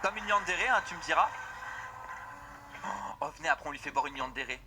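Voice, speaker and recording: A young man giving casual, excitable gameplay commentary, joking with his viewers. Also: fairly high pitch, brisk, noisy background. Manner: excitable, jokey, addresses viewers as "les gars". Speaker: gaming video creator.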